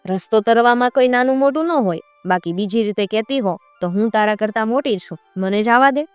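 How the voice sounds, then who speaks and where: A woman's voice: on the high side, fairly quick, clean tone, no room sound, soft background music, lightly acted. A woman voicing a proud, self-assured female goddess of wisdom in a folk tale, speaking. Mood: insistent.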